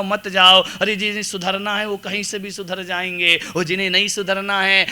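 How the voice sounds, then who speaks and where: Bright-voiced monk giving a sermon. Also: male voice, high voice. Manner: storytelling with humor and rhetorical questions. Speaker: Jain monk preacher.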